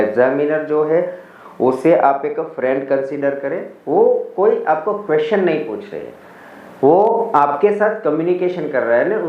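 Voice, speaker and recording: Man coaching, echoey far-off room. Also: a little high. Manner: switches between Hindi and English, demonstrating model answers slowly. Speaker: IELTS coach. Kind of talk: teaching in Hindi mixed with English. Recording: echoey room, mic at a distance, dull lo-fi sound.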